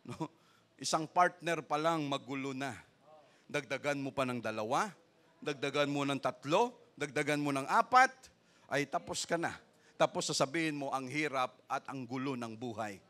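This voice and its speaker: A man with a Filipino accent preaching a sermon as pastor, shifting between conversational asides and loud, rising bursts of praise, with a frequent tag "no?". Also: mid-range voice, expressive, normal speed.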